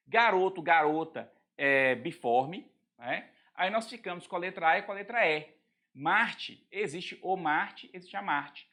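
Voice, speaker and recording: A man teaching a recorded grammar lesson, explaining step by step and often checking in with a quick question. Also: high voice, lively intonation, sharp tone.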